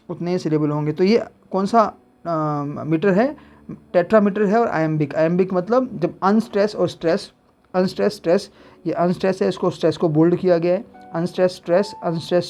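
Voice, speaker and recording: A man's voice: sits high, a little mellow. A man teaching English literature to students, explaining a poem and mixing Hindi with English terms as he repeats key points.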